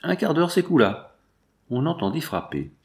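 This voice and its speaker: Gravelly, expressive male audiobook narrator. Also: a little high, normal speed.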